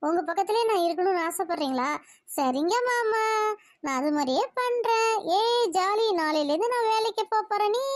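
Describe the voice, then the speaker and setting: A woman's voice: extremely high pitch, no echo, clean studio sound. A woman voicing a lovestruck young woman in a cartoon, giggly, clingy and whiny. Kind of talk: Tamil cartoon voice acting.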